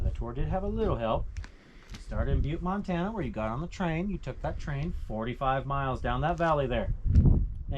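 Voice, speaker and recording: A man giving a storytelling guided tour to a group outdoors, theatrical and folksy, with rhetorical questions and dramatic pauses. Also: a little high. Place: outdoors on a mountainside. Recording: noisy live outdoor recording with clicks.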